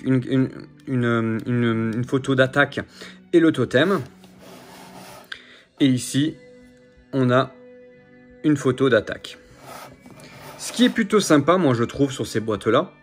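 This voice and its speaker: A man casually showing his figure collection to camera, chatty and rambling, full of fillers and repeats. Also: medium pitch. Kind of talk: casual unboxing chat to camera.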